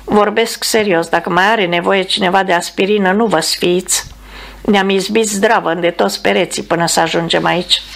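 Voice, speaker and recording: A woman reading the lines of a male bomber captain who gives steady, commanding orders. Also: medium pitch, gravelly. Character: man, a calm bomber captain giving orders.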